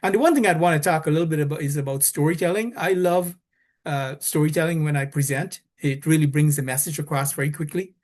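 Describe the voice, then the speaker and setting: A man with a somewhat high voice shares friendly, practical advice on a video call panel. He hesitates often, filling gaps with "uh" and starting his sentences over. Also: fast talker, a little mellow. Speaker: advisor on a panel.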